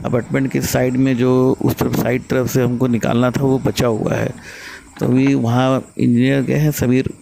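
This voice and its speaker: With background noise all around, this vlogger chats easily about the machine work as he walks a construction site. He talks at normal speed in a medium-pitched voice touched with vocal fry, keeping things relaxed and explanatory.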